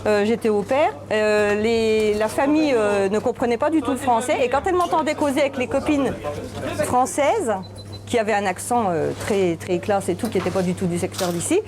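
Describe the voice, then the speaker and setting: A woman's voice: on the high side, moderate pace, crowd noise. Chatty laughing woman with a Lorraine accent. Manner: laughs often, chatty, teasing. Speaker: baker. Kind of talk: casual chat in her shop.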